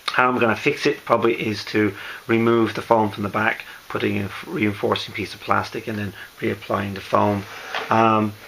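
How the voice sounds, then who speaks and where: A hoarse man who is losing his voice gives a casual, halting show-and-tell as a maker, often correcting himself. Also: on the low side, little pitch movement, a bit bright, slight background noise, poor audio. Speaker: costume maker presenting a build.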